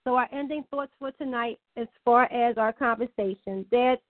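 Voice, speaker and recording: A woman hosting a talk show in a gentle, earnest way and reading a short poem, heard over a tinny, phone-like line. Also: on the high side, moderate pace, no room sound. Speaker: radio show host.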